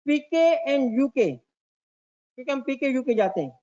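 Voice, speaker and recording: A Pakistani tax lecturer with a very high-pitched, darkish voice and lively intonation teaches slowly, mixing Urdu and English. He quizzes students by name and repeats key points, in a dull lo-fi lecture recording.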